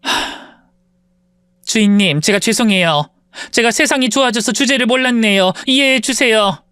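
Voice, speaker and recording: A woman voicing a patient middle-aged woman, a former maid, who answers a bully in a calm, restrained way in an audio story. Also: on the high side, normal speed, smooth, no room sound, clean studio sound.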